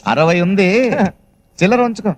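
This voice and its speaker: An actor playing a boastful middle-aged gambler who gives patronizing advice. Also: male voice, high voice, normal speed, dry recording, natural voice. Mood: breezy. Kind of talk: film dialogue.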